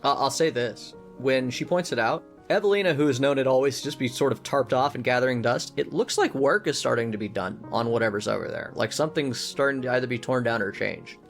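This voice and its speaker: A man's voice: mid-range voice, expressive, a little fast, gravelly, few pauses, soft background music. Rambling male game master. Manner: rambling, self-correcting, casual. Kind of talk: narrating a tabletop game.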